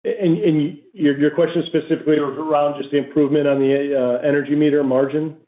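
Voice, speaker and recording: The thin, narrow, telephone-like sound of a conference call line carries a man's voice as he fields questions as an executive on an earnings call. He speaks with measured hesitation, and his pitch moves in a lively way.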